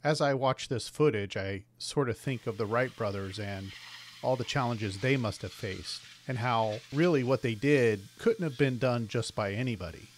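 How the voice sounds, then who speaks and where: A man hosting a woodworking vlog, narrating in a thoughtful, even-paced casual voice-over. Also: medium pitch, moderate pace, slight background noise. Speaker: woodworking channel host. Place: outdoors in an open park.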